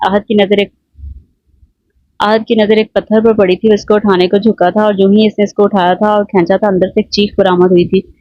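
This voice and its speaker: A woman narrating a romance novel in a steady storytelling voice, in a dull lo-fi recording. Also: mid-range voice, moderate pace, no room sound. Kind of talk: audiobook narration.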